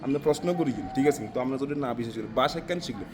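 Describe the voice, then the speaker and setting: Fast-talking man with Noakhali Bengali accent. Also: mid-range voice, expressive, crowd noise. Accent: Noakhali Bengali dialect, non-native. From South Africa. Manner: rambling, keeps asking "right?". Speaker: interviewee. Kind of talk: casual interview answers.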